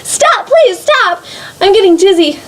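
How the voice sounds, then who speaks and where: A woman's voice: fairly high pitch, expressive, a little slow, a little mellow. A woman voicing a dramatic, self-pitying talking china teacup in a storybook reading, with a theatrical, swooping delivery. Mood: dizzy, pleading.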